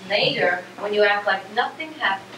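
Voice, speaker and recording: A woman's voice: medium pitch, moderate pace, close to an everyday voice. A woman playing a fortune teller, reciting cryptic verse advice in an oracular, theatrical way. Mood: oracular, measured. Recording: distant, echoey, noisy room recording.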